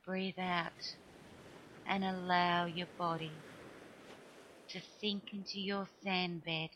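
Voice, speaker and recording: A woman narrating a guided relaxation meditation in a soothing way, with short phrases and long pauses. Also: on the low side, little pitch movement, a bit bright, slight background noise, low-quality recording. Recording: music behind the voice. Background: music.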